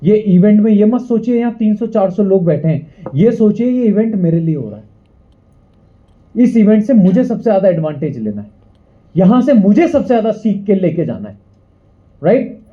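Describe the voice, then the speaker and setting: A man's voice: high voice, expressive, normal speed. A young man giving a motivational speech to a live audience at an event hall, rousing the crowd and repeating lines for them to call back. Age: young adult. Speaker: motivational speaker. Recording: tinny phone-like sound.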